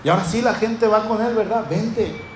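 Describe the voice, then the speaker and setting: High-voiced preacher in echoey hall. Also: male voice, fairly even intonation, fast talker, a little hiss or hum. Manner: impassioned, repetitive, building emphasis. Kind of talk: sermon.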